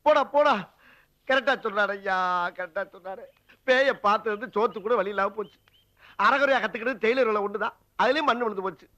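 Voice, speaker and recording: A man's voice: high-pitched, sharp tone, lo-fi sound. An actor playing a hungry, luckless village tailor man who wails and pleads in a film comedy. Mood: gloomy. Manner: wailing, pleading, quick to panic.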